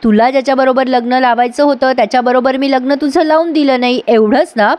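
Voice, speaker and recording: A woman's voice: high voice, steady tone, a little fast, darkish tone, close to an everyday voice. A woman voicing a defensive married woman scolding her sister-in-law.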